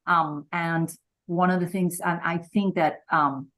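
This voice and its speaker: A middle-aged woman with a notably low voice. She tells her career story candidly and with animation, as an interview guest. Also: fairly even intonation, a little slow, a bit bright.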